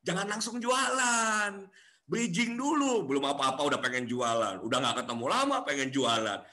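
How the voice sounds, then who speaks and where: A man giving a coaching class, animated and acting out the people he quotes. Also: a little high, normal speed. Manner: animated, acts out quoted voices.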